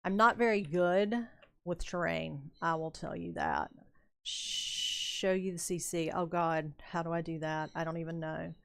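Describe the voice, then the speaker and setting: An older woman streamer with a lowish, slightly bright voice and some vocal fry chats casually while playing a game. She speaks a little slowly, telling a rambling story and laughing often.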